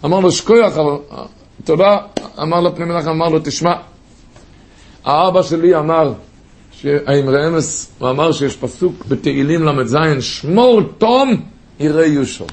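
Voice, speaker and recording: A man preaching a sermon through stories, telling them with passion and rising to high cries. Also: steady tone, slight background noise.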